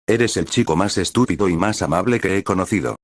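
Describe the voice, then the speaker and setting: A man reading the lines of a cheerful, determined teenage hero girl in an even, unchanged voice. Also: low-pitched, fairly quick, dry recording, clean studio sound. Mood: earnest. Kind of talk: scripted fanfic reading.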